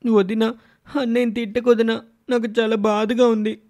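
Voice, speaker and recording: A man's voice: extremely high pitch, little pitch movement, normal speed, a little mellow, pitched above the performer's own voice. A man voicing a meek, hungry young village boy who pleads and whimpers in a cartoon story. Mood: tearful.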